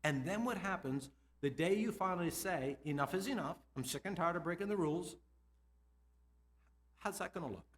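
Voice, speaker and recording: A middle-aged man, a school administrator, giving a lively conference talk to teachers, asking them questions and laughing between points. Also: sits high, moderate pace, slight background noise. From United States.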